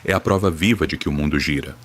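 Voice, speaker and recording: A man's voice: a bass voice, quick pace, a bit bright. A Brazilian man reading a first-person horror story in a somber, dramatic, grave manner.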